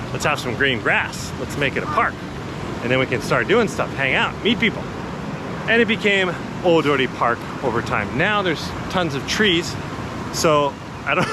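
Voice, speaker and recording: A man with a mid-range voice hosts a casual walking tour as a vlog host and guide, chatting and explaining in a laid-back, informal walk-and-talk narration. He records outdoors on city streets, with street noise, passing traffic, city ambience, and cars in the background.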